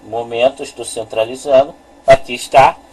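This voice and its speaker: A man teaching a lesson with a screen, talking slowly and deliberately, repeating key phrases and pointing at the chart. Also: mid-range voice, fairly even intonation, darkish tone, slight background noise, poor audio. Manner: deliberate, repeats phrases, says "veja" often. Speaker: teacher explaining Hebrew letters.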